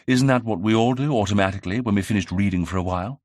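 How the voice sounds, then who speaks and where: A man voicing a young 1920s gentleman amateur detective in an audiobook, brisk and self-assured as he theorizes. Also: on the low side, no echo, studio quality, natural voice. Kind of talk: audiobook character reading.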